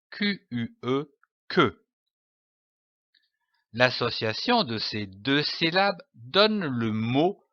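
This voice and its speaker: A man with a French accent teaching reading to young children, spelling out letters and sounding out syllables slowly and carefully. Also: mid-range voice, sharp tone, no room sound, muffled recording. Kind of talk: slow phonics lesson for young children.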